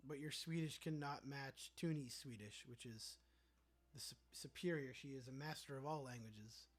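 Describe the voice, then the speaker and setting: With a mid-range voice and normal speed, a young livestream host chats casually, reading out comments from his viewers and joking around about them.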